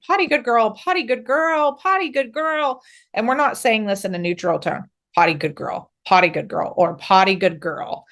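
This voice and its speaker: A middle-aged woman dog trainer giving practical, reassuring instructions to camera, with many fillers and restarts. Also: lowish voice.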